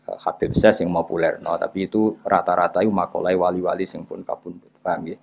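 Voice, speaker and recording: A man giving a religious lecture, unhurried and explanatory, checking with his listeners by asking them questions. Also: low-pitched. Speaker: religious teacher. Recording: dull lo-fi recording with faint hiss.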